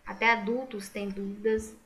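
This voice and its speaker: A woman's voice: mid-range voice, fairly even intonation, moderate pace, a bit bright, slight background noise. A Brazilian woman teaching a primary school lesson, patiently sounding out words syllable by syllable. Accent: Brazilian Portuguese. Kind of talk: recorded remote class lesson.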